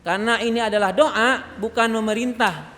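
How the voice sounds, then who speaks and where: A high-pitched man teaches a study circle in a mosque, explaining step by step and posing questions he then answers himself. He coughs now and then. His voice rings out with a long reverb through the hall. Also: moderate pace, pushed and bright. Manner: explanatory, asks rhetorical questions and answers them. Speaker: religious teacher.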